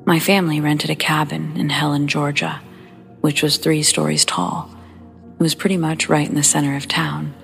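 A woman hosting a show of listener ghost stories, reading them in a hushed, partly whispered storytelling voice with faint music behind her. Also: deep voice, normal speed, vocal fry. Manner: soft, partly whispered delivery.

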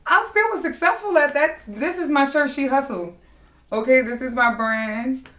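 A young woman speaks candidly and with animation. Her voice is bright and forceful. The room has a lot of echo. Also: high-pitched, moderate pace. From New Orleans. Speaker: guest, aspiring singer. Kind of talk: casual interview chat. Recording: echoey room.

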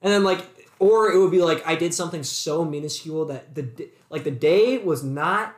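Animated young man telling a story. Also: a little high, normal speed. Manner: animated storytelling, acts out both sides of quarrels. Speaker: podcast co-host. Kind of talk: casual chat. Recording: echoey room.

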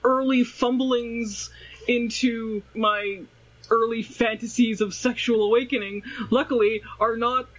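A man's voice: very high voice, fairly even intonation, a little slow, fairly bright tone. A man co-hosting a podcast in casual chat, rambling and sarcastic. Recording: slightly dull lo-fi recording.

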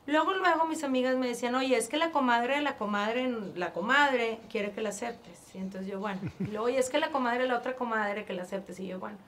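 A woman with a northern Mexican accent and a fairly high voice tells her story as an interview guest. She talks in an animated, chatty way, acting out past conversations and often restarting her sentences. A faint ambient hum sits behind her. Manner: animated, acts out past dialogue, frequent restarts.

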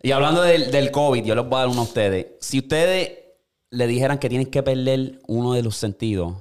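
A young man with a Puerto Rican accent hosting a casual podcast, telling crude stories with animated voices. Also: mid-range voice, a little fast, clean tone. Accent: Puerto Rican Spanish. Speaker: podcast host.

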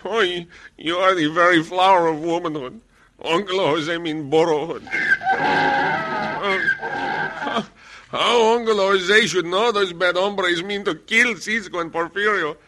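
An elderly Mexican uncle in a vintage radio western. The voice is high and piercing, sputtering broken English with fussy self-importance and an easily flustered temper. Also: male voice, big pitch swings, takes it slowly, pushed and bright, exaggerated voice. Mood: remorseful, wailing. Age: older. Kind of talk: old-time radio comedy western acting.

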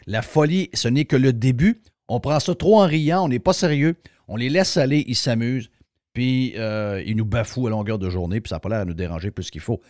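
A man's voice: medium pitch, a little fast, darkish tone, no echo, studio quality. A man with a Québécois French accent hosting a radio show, talking in a colloquial, emphatic way straight to his listeners. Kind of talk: opinionated talk radio monologue and sponsor reads.

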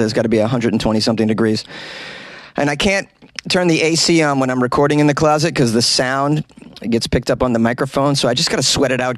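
A man's voice: mid-range voice, dry recording. A man hosting a casual comedy podcast about odd news, rambling in a wry, self-deprecating way, recorded in a small closet. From New England. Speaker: podcast host.

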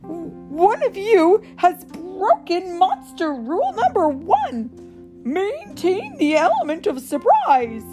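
A woman voicing a strict, proper male monster teacher who gives loud, precise commands, with music playing behind. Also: very high-pitched, huge pitch swings, slow, pitched above the performer's own voice, full character voice. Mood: scolding.

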